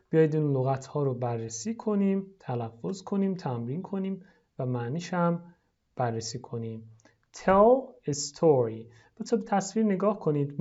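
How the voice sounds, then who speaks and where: A teacher explaining an English lesson in Persian, stretching out English phrases slowly for students to repeat. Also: medium pitch, a little mellow, highs cut off. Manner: explains slowly, then models English words drawn out for repetition.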